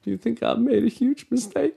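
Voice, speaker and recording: A man's voice: very high voice, a little fast, gravelly, mellow, slightly rough, voice pushed up, full character voice. A man playing an awkward wannabe gangster rapper from South Australia in an improvised comedy podcast bit. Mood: sheepish. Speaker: guest playing a fake rapper.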